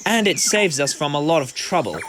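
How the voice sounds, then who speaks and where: An eccentric time traveller acted by a man talks with theatrical confidence. His voice is fairly high and swings animatedly, chatty in audio drama style, with clear background noise. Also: animated, brisk. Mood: assured. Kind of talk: fan audio drama acting. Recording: loud background noise and ambience.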